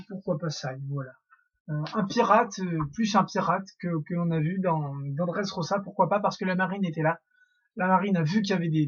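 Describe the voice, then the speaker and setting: A man's voice: sits high, husky, lo-fi sound. A young man hosting a casual theory monologue, rambling with many fillers and restarts. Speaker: YouTube theory host.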